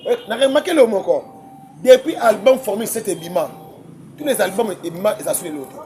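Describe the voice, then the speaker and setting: Excitable high-voiced man. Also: a little fast, slight background noise. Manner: excitable, repeats words, laughs often. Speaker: music commentator guest. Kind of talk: heated casual debate.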